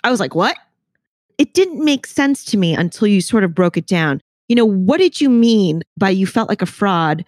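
A woman's voice: mid-range voice, very animated, normal speed, a little mellow, no room sound, clean studio sound. A woman hosting an interview, asking probing questions in a conversational, engaged way. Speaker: podcast host.

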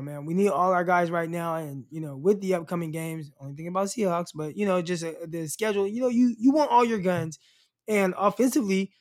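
A young man co-hosting a casual sports podcast, ranting in an animated way, full of fillers. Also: high-pitched. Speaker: podcast co-host.

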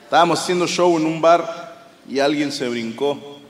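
A Mexican man with a Mexican Spanish accent performing a live stand-up monologue, telling his story in an animated, profane style. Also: on the high side, normal speed. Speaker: stand-up comedian. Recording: live venue with long reverb and audience noise.

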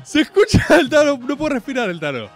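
A man's voice: extremely high pitch, sing-song, brisk, soft background music. A man with an Argentine accent, hosting a stream and ranting comically and sarcastically to his audience. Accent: Argentine Spanish. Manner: exasperated, sarcastic, mimics crowd screams.

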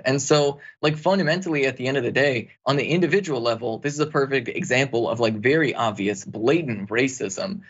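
Man, co-host, earnest casual talk, mid pitch, slightly muffled. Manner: earnest, heavy use of "like". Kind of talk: casual political commentary.

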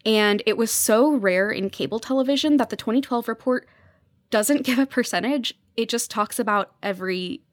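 This podcast guest, a young adult woman who reports on fiction podcasts, offers conversational interview commentary and explains with enthusiasm. She speaks at a moderate pace in a voice on the high side, with no echo.

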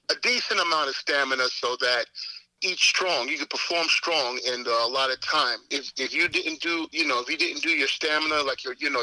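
A man's voice: medium pitch, bright, forceful tone, dry recording, low-quality recording. A man, talking casually as a guest in an interview, rambling with lots of "you know what I'm saying". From Queens, New York. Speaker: competitive eater guest.

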